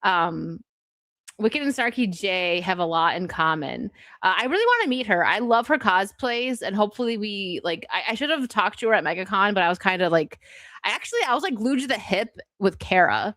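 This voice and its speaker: A woman's voice: mid-range voice, expressive, fairly quick, fairly bright tone, dry recording. A woman hosting a casual livestream chat, talking in a giggly, rambling way full of fillers. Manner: chatty, giggly, many "like" fillers. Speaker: streamer host.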